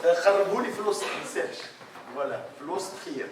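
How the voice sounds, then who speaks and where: A man's voice: high-pitched, expressive, unhurried. A man in his sixties giving a university lecture, hesitant, with many fillers and restarts as he explains. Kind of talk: academic conference lecture. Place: lecture hall, indoors. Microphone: distant room mic. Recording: very echoey hall from far off, faint noise.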